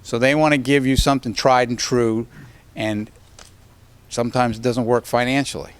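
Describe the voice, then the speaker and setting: Male consultant at a public board meeting; conversational, example-driven, checks in with listeners often; mid-pitched. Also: level tone, normal speed, smooth. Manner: conversational, walks through examples, keeps checking with "okay?". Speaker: energy consultant advising a school board. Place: school board meeting room.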